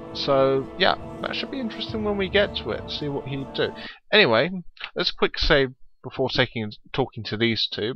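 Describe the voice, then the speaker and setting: A man chats through a gameplay recording, explaining his choices and joking at his own expense. His voice sits at an average pitch. Faint game music plays underneath him. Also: dull audio. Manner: chatty, explanatory, self-deprecating. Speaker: let's play commentator. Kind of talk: casual gameplay commentary.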